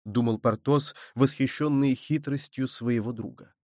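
A man narrating a classic adventure novel in a measured, expressive reading. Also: mid-range voice, dry recording, clean studio sound. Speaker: audiobook reader. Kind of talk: scripted narration.

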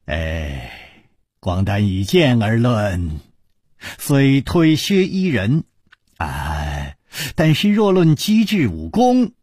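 A man voicing a gentle, courteous young male nobleman in radio storytelling, polite, sighing and effusive. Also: medium pitch, wildly swooping pitch, very slow, husky, no echo, studio quality, exaggerated voice.

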